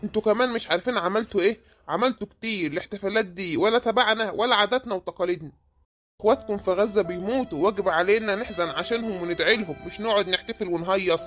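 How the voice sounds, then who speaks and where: A woman voicing a stern middle-aged Egyptian father in a cartoon, gruff and sarcastic as he scolds his family, with an Egyptian accent. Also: mid-range voice, rapid-fire, fairly bright tone, faint music behind, close to an everyday voice. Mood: aggrieved lecturing. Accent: Egyptian Arabic. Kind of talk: cartoon voice acting.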